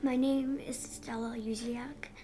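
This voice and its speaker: A thirteen-year-old girl giving a candid personal interview in halting, youthful casual phrasing. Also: a little high, level tone. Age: 13, young teenager. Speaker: interviewee, young patient.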